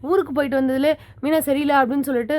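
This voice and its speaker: A woman's voice: high voice, steady tone, very fast, darkish tone, natural voice. A woman voicing a concerned young man explaining a family problem.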